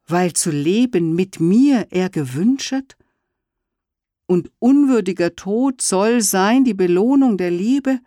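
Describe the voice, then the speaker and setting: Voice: medium pitch, darkish tone, no echo, studio quality. A reader voicing a proud, fierce young huntress in a solemn verse recital.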